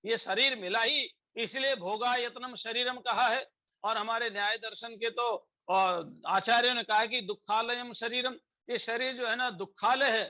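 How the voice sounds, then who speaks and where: A man's voice: very high voice, steady tone, a little slow, bright, forceful tone. A man with a Rajasthani Hindi accent giving a spiritual discourse, explaining scripture, quoting Sanskrit verses and asking rhetorical questions. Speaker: spiritual teacher. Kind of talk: sermon. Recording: dull lo-fi recording.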